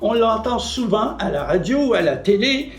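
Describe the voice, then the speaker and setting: A man's voice: high voice, very animated, normal speed, reverberant. A man giving a short lesson on correct word usage, explaining with examples and answering his own questions. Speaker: French language columnist.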